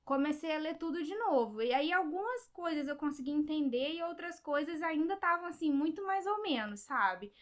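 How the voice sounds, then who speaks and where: A woman's voice: high voice, lively intonation, moderate pace, few pauses. A young woman with a Brazilian Portuguese accent, chatting casually about a book and often checking in with her listeners. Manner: chatty, many fillers and rhetorical "sabe?". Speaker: book vlogger. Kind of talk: casual book review chat.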